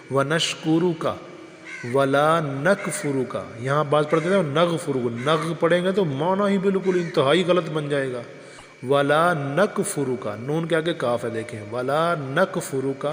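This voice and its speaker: A man's voice: mid-range voice, big-room sound. A man teaching careful recitation, patiently correcting pronunciation word by word. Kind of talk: religious recitation lesson.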